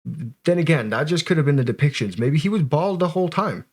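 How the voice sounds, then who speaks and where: A man's voice: a little high, expressive, brisk. A man giving casual, joking and sweary commentary as he reacts to footage.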